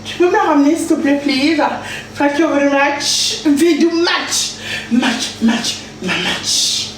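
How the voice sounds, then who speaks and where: A woman's voice: sits high, slow. A woman hosting a casual livestream from her home kitchen, playful, singing and chanting to herself while she cooks. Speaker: livestream host. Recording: echoey room with noise.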